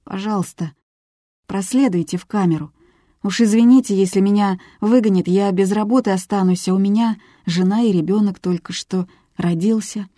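A woman's voice: medium pitch, normal speed, warm tone, dry recording, clean studio sound, pitched above the performer's own voice, close to an everyday voice. A woman reading the part of a polite, earnest young male policeman who keeps apologizing. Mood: pleading.

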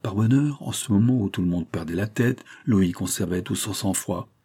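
A man reading a classic novel aloud in steady, dramatic narration. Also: fairly low pitch, moderate pace, breathy edge. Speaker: audiobook reader.

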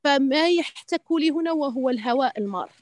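A woman's voice: high voice, lively intonation, fairly quick, no echo. A woman teaching Quran recitation in an online lesson, speaking hesitantly with many restarts and pious interjections. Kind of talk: online tajweed lesson answering questions.

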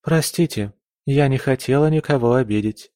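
A man's voice: mid-range voice, moderate pace, a little mellow, no echo, clean studio sound, natural voice. A man voicing a cool, indifferent young woman. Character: calm, indifferent young noblewoman, elder sister.

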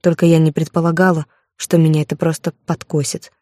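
Woman, audiobook narrator, emotional dramatic reading, warm dark voice, dry studio sound. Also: low voice, flat delivery, fairly quick, no echo. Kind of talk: first-person audiobook narration.

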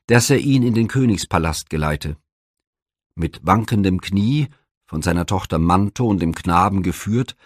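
Low-voiced man narrating a myth audiobook. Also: no echo, studio quality.

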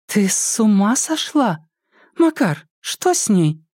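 A man voicing a spoiled, scheming younger sister with a shrill voice in an audiobook. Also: very animated, slow, darkish tone, no room sound, clean studio sound, full character voice. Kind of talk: audiobook character voice.

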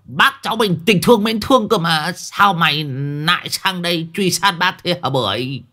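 A man voicing a panicky, self-pitying old man who wails and bleats in a high, strained voice. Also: normal speed, pushed and bright. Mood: pleading.

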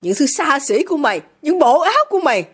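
A woman reads a furious middle-aged father who got rich by shady deals. He shouts insults at his daughter in a high, wildly swinging voice, bullying and contemptuous. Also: big pitch swings, normal speed. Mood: raging.

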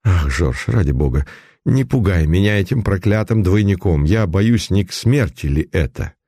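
A man voicing an excitable, frightened baron in an audiobook reading. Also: low-pitched, husky, dry recording, clean studio sound, exaggerated voice. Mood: fearful. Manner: agitated, quick and fearful.

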